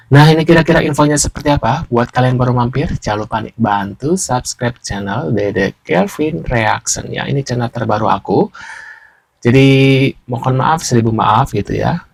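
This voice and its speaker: A man's voice: medium pitch, creaky, slightly rough, no echo. A man hosting a casual reaction channel, repeating himself as he goes.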